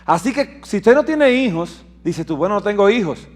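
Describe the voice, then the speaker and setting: High-voiced male preacher. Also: expressive, normal speed. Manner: questions the congregation and reads scripture aloud; swings between loud declaiming and soft low asides. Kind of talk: sermon.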